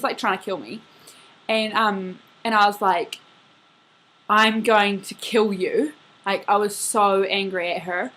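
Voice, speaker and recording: A woman's voice: mid-range voice, a bit bright, rough recording. A young woman in a casual video message, rambling through a dream story with lots of "like" and fillers. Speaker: vlogger.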